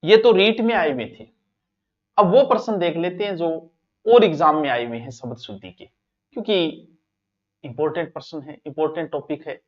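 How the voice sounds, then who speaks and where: Male teacher, Rajasthani accent, slightly high voice, lively and teasing, lo-fi classroom sound. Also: normal speed. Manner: lively, mixes in local dialect, teases students. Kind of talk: exam-prep class on spelling.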